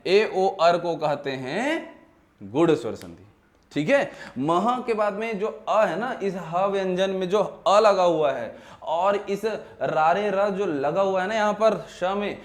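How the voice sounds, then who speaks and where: A male teacher from Chhattisgarh giving a grammar lecture, asking questions and answering them himself, drawing out words as he explains. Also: high voice. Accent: Chhattisgarh Hindi. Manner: asks questions and answers them himself, repeats key terms; slow, drawn-out words when spelling things out.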